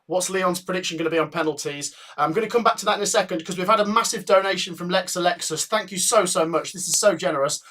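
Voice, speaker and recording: A man in his thirties with a high-pitched voice hosts a live football watch-along. He chats casually, reads out viewer predictions and thanks donors with enthusiasm. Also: quick pace, few pauses. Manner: chatty, reads viewer comments aloud, thanks donors warmly. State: out of breath. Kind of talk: casual live-stream chat.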